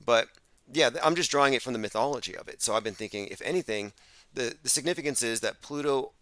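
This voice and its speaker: A man's voice: mid-range voice, fast, sharp tone, no echo. A man hosting a casual conversation, explaining his ideas in an earnest way. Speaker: host.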